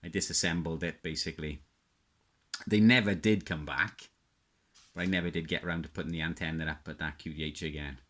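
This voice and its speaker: An extremely low, steady, slightly bright male voice moves at a brisk pace with a South Welsh accent. The middle-aged radio hobbyist talks off the cuff while showing his hobby, hesitant, rambling, and nostalgic.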